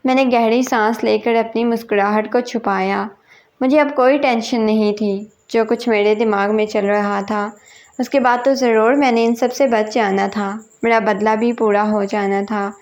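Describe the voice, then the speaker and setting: A woman's voice: fairly high pitch, fairly even intonation, a little mellow. A woman reading a first-person family drama aloud, voicing every character in her own voice. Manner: reads all parts in one voice, quoting family members plainly. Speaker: story narrator. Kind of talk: first-person storybook narration.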